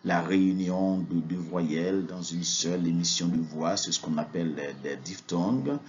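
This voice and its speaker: A man's voice: low-pitched, moderate pace, darkish tone, a little hiss or hum. A man giving a spoken language lesson, hesitant, with frequent fillers and words repeated for practice. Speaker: Spanish teacher. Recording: dull lo-fi recording.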